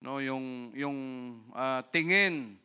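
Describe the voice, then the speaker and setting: A male pastor from the Philippines preaching a sermon, often tagging his lines with a questioning "no?" and drawing out key phrases slowly for emphasis. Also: medium pitch, pushed and bright, clean tone.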